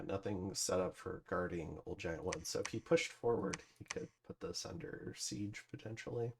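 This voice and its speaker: A man's voice: low voice, gravelly, a little hiss or hum. A man casually commentating over his strategy game turns, thinking aloud with plenty of fillers. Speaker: gameplay commentator. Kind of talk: casual let's-play commentary.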